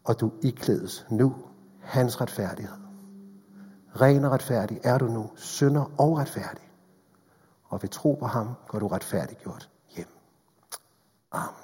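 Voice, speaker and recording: A man preaching a sermon in a church hall, earnest and pleading, moving between hushed and urgent delivery. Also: medium pitch, breathy edge. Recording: long reverb of a large hall.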